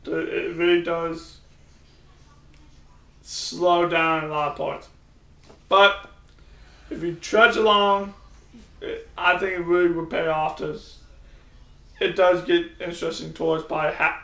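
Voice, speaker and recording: A man's voice: fairly high pitch, level tone, a little slow, creaky, long pauses, pushed and bright. A man giving a casual, rambling vlog book review, often restarting his sentences. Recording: echoey room, mic at a distance.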